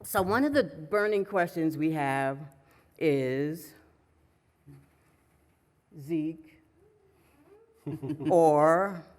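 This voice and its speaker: A woman's voice: sits low, lively intonation, extremely slow, long pauses, darkish tone. A woman from New York moderating a fan convention panel in a loose, chatty way with lots of fillers. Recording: echoey convention hall.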